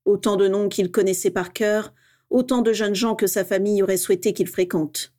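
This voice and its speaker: A woman reads a story aloud, narrating steadily and with expression. Her voice sits at an ordinary middle pitch. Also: steady tone, normal speed, mellow. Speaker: reader.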